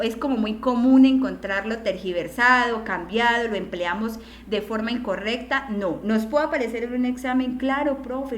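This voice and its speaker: A woman's voice: on the high side, roomy sound, slight background noise. A woman teacher lecturing an online class, explaining step by step and often checking in with questions.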